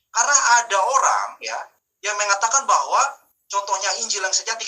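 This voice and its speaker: A man preaches to a group over a video call, firing rhetorical questions at them and pausing for amens. His voice is sharp and bright, and it sounds picked up from a distance by the call's mic. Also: high voice. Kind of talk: online Bible teaching.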